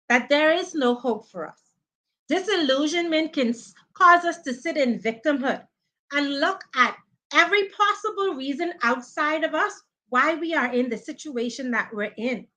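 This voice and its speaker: A woman in her thirties speaks with a high, bright voice in an earnest, preaching way. She hosts a live motivational training and addresses her viewers directly. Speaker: life coach hosting a live training. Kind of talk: live-stream motivational talk.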